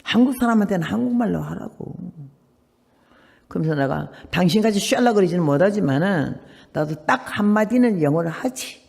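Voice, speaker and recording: 팔십 대 할머니 선교사가 거칠고 걸걸한 목소리로 설교합니다. 대화를 직접 흉내 내며 생생하게 이야기를 풀어 가고, 힘주어 되묻는 질문을 던집니다. 울림이 길게 남는 넓은 예배당 녹음입니다. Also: female voice, fairly low pitch, normal speed, vocal fry. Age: 80s. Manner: animated storytelling, acts out dialogue, emphatic rhetorical questions. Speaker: missionary preacher. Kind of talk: sermon. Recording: long hall reverb.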